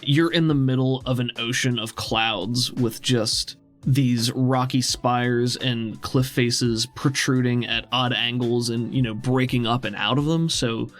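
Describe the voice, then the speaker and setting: Over background music, a game master with a steady, mid-range voice narrates a tabletop role-playing game. He takes his time, describing things in a conversational, off-the-cuff way.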